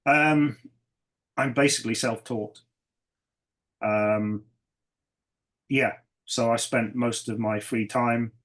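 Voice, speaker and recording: Middle-aged man from North Wales, a bit croaky from a cold, dry humour, mid-pitched voice, telling his life story as a guest. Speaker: guest, ecologist. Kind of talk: casual interview.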